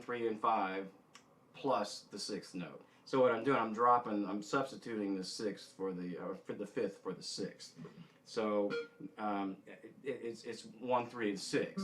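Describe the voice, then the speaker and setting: A middle-aged man giving an informal guitar lesson, thinking aloud haltingly and correcting himself as he goes, with an easygoing, self-deprecating way. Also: fairly low pitch, fairly bright tone, a little hiss or hum, rough recording. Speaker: guitar instructor. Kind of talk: informal instructional demonstration with music theory. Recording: guitar playing behind the voice. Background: guitar notes being tapped.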